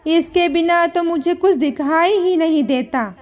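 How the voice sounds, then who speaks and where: A meek elderly mother-in-law speaks softly and sadly in a high voice, as a woman narrator plays her. She pleads gently, hurt but never angry, a tender storybook grandmother. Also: measured pace. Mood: sad, pleading. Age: older. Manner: soft, pleading, sorrowful.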